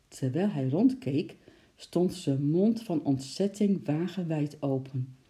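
A storyteller reading a children's book aloud in a lively, expressive way, acting out sound words along the way. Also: medium pitch.

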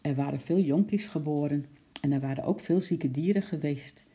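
A narrator reading a children's storybook aloud with lively, expressive storytelling. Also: medium pitch, normal speed. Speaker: audiobook narrator.

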